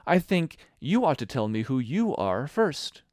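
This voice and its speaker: Male reader doing a polite, flustered young girl in a storybook; high, lively, earnest. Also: normal speed, no echo, clean studio sound. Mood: indignant. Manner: shy, earnest, a little flustered.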